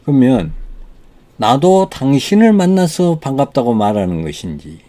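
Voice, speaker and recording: A man with a Korean accent teaching English, explaining in Korean and reading English sentences slowly with stress. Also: medium pitch, big pitch swings, warm tone. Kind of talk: language lesson explaining English pronunciation.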